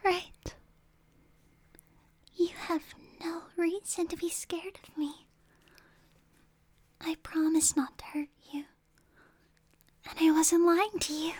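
A possessive supernatural girl, played by a woman, murmurs to her human captive in an ASMR roleplay. Her voice sits very high and unhurried, mostly whispered and coaxing, with sudden sharp outbursts. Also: steady tone. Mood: coaxing, menacing. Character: possessive, unstable young supernatural girl captor.

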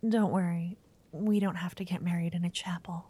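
A woman's voice: fairly low pitch, fairly even intonation, moderate pace, slightly rough. A woman voicing a shy, nervous young noblewoman in a whispered roleplay, stammering now and then. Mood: nervous whispering. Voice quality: soft whisper. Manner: hesitant, stammering.

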